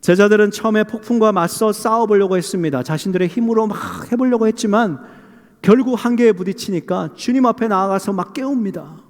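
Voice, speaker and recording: Male pastor with a high voice, sermon delivery, heavy hall reverb. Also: a little fast. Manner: poses rhetorical questions to the congregation; dramatizes Bible quotes in lively voices. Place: church sanctuary. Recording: long reverb of a church hall.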